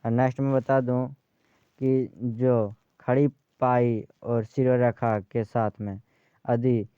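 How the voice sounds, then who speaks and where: A man teaching a grammar lesson, speaking slowly and repeating key terms for his students. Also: mid-range voice, little pitch movement, clean tone, no echo, dull audio. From Bihar, India.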